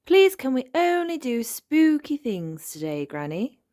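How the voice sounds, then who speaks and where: A squealing, eager little girl piglet, as a woman puts her on for a storybook. The voice leaps high and bounces around with lively pitch, over a dry, close sound. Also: unhurried, no room sound. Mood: excited. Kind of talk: storybook read-aloud.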